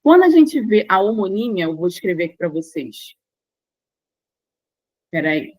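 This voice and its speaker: A woman's voice: medium pitch, very animated, normal speed, a little mellow, no echo, low-quality recording. A woman with a Brazilian Portuguese accent teaching an online language lesson, explaining in plain steps, repeating key points and checking in with her students.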